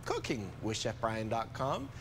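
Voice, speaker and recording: A man's voice: fairly low pitch, wildly swooping pitch, a little slow, background noise. Upbeat older man doing a TV cooking demo. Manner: upbeat, enthusiastic, chatty. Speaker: TV cooking chef. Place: studio kitchen set.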